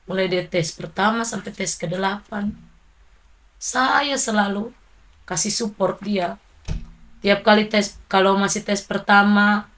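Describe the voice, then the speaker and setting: A middle-aged woman, softly and reflectively telling an interviewer about her late son. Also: medium pitch. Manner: soft, grieving, reflective storytelling. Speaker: interviewee, mother of a fallen soldier. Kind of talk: emotional interview recollection.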